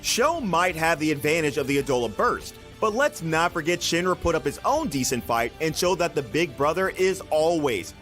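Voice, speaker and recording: A man's voice: fairly high pitch, big pitch swings, moderate pace, few pauses, a bit bright, faint music behind. A man reading scripted narration for a countdown video, presenting each entry as the narrator.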